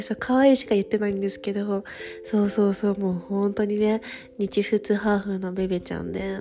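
A woman in her thirties hosting a casual solo radio chat, chatty with many fillers and a light lilt. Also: mid-range voice. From Japan. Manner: chatty, many fillers, soft laughing asides. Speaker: podcast host, study-abroad coordinator. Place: home in Paris.

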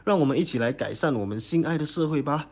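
A man's voice: on the high side, expressive, fast talker, a little mellow. A man reading a promotional announcement in an upbeat way. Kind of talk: read station announcement.

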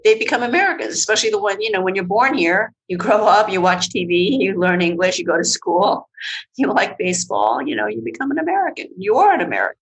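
Female academic panelist, lively up-and-down delivery. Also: mid-range voice, quick pace, low-quality recording. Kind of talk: academic discussion.

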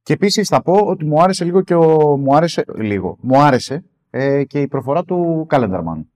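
A man co-hosting a casual film discussion podcast, hesitant, with many fillers and lively jumps in pitch. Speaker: podcast co-host.

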